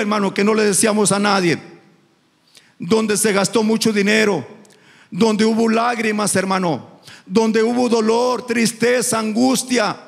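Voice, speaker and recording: Middle-aged man, fiery preacher with a high, gravelly voice, booming through a reverberant church. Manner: impassioned, repeats "hermano" often; rises into sung, shouted cadences. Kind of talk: sermon. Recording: echoey hall reverb.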